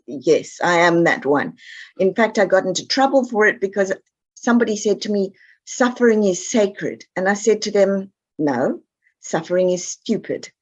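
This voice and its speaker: Woman, South African accent, emphatic and upbeat, mid pitch, slightly dull lo-fi sound. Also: darkish tone. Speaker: guest expert. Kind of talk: podcast interview.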